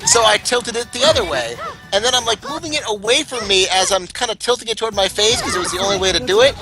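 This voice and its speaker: A young man telling a story in a casual podcast chat, animated and laughing often. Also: high voice, quick pace. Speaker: podcast co-host. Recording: clear background music.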